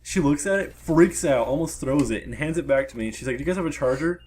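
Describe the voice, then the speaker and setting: A late-teen guy tells a story in loose, profane chat, with plenty of "she's like" and "I'm like." When he quotes himself, he drops into a flat, low deadpan. A faint hiss sits under the recording. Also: fast. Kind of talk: casual chat.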